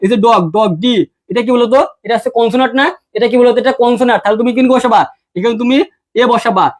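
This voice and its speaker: A man's voice: very high-pitched, fairly even intonation, rapid-fire. A young man teaching an exam-prep English lesson, drilling the listener with repeated questions and answers and calling them brother. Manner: addresses the viewer as brother. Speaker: English tutor.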